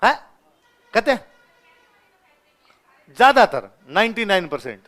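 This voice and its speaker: A young male teacher with a Ganganagar-area Rajasthani Hindi accent delivers his lecture through animated classroom stories. His voice sits fairly high, and he acts out the dialogue and laughs often as he talks. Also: a little slow. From Rajasthan, India.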